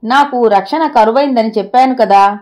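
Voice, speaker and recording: A woman narrator puts on a scheming wife in an audio story, her voice pitched fairly high. She snaps back with tart, insistent retorts. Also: moderate pace, darkish tone, highs cut off, natural voice. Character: sharp-tongued scheming wife.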